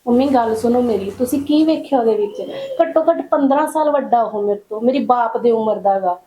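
Actress as distressed young daughter, quick mellow voice, roomy sound. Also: female voice, on the high side, lightly acted. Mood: hurt. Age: young adult. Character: upset young daughter refusing older groom.

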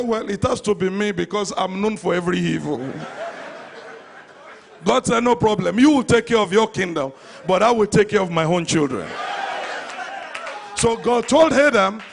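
In a large church hall, a middle-aged Nigerian-accented preacher with a high, creaky voice holds a handheld mic and drives home an emphatic, passionate sermon, repeating phrases for effect. The sound comes through the live church PA, with the congregation faintly audible.

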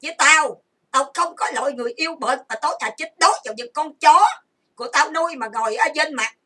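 High, bright-voiced woman ranting angrily. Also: fast, distant mic. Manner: profane, accusing, insulting. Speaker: online streamer. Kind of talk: angry livestream rant. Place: lying down at home.

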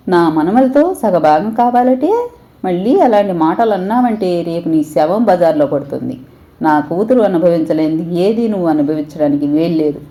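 Woman doing a cruel scolding mother-in-law, harsh and threatening, dark mellow voice, storybook. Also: fairly low pitch. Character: domineering, suspicious older mother-in-law.

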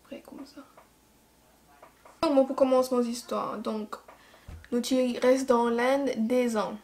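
Chatty young Mauritian woman, fairly high voice. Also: steady tone, measured pace, a little mellow. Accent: Mauritian Creole. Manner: chatty, improvised, laughs at her own mistakes. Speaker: beauty vlogger. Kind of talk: casual makeup tutorial and storytime.

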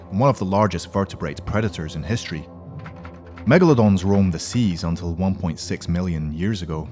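Deep-voiced male host reading a countdown script, brisk with dry little jokes; soft music bed. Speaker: host and narrator. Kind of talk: scripted list narration.

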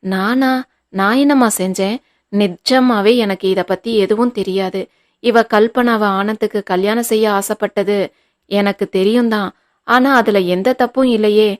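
A woman's voice: mid-range voice, steady tone, measured pace, natural voice. A woman voicing an irritable, short-tempered grown son who snaps out questions, in an audiobook reading. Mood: irritated.

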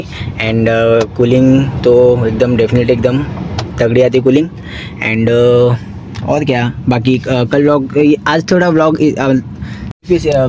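A young man, chatting casually to his camera as a vlogger, rambling with many fillers and repeats, filmed on a phone in a parked car. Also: medium pitch. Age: young adult. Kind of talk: casual vlog talk to camera. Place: inside a parked small car, daytime. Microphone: phone camera at arm's length. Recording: noisy phone video in a car.

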